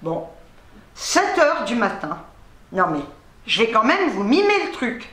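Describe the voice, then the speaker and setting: Chatty high-voiced woman, echoey room. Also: unhurried. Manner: chatty, swears freely, animated storytelling. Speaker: vlogger. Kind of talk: casual chat to camera.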